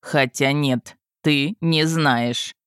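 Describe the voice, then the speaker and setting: Lady putting on a low calm husband, dry and sardonic, storybook dragon guy. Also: extremely slow, clean tone, no room sound. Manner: cool and mocking.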